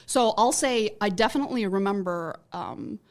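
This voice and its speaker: A woman's voice: medium pitch, animated, moderate pace. A woman in her thirties from Turkey with a Turkish accent, a podcast guest in casual chat who rambles and circles back to restate her points.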